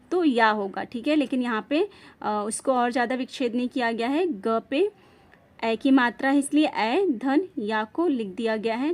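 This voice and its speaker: A woman teaching a grammar lesson, spelling out words letter by letter and asking questions she then answers herself. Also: high voice. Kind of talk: classroom-style grammar lesson.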